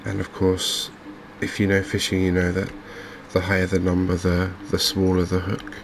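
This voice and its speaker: Speaking softly for an ASMR gaming video, an Englishman with a low voice comments on the game he's playing. The delivery is extremely flat and gravelly at its edges, slow-paced, slightly hesitant and quietly reflective. Open windows and fans contribute faint background noise.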